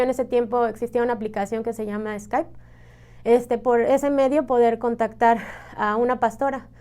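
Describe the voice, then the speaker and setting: A woman's voice: fairly high pitch, warm tone, clean tone. Earnest Mexican woman giving testimony. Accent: Mexican Spanish. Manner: earnest, emotional, frequent "¿no?" and "este" fillers. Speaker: church member giving testimony. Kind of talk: personal testimony.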